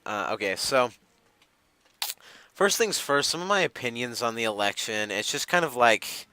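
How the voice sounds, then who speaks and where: A man's voice: mid-range voice, lively intonation, normal speed, sharp tone, clean tone, dry recording, rough recording. A young man giving casual gameplay commentary, rambling with many fillers and restarts. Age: young adult. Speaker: gamer.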